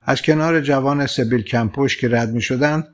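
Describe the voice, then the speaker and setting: Calm male audiobook narrator. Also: mid-range voice. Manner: calm, measured storytelling with lightly voiced quoted lines. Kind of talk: scripted narration.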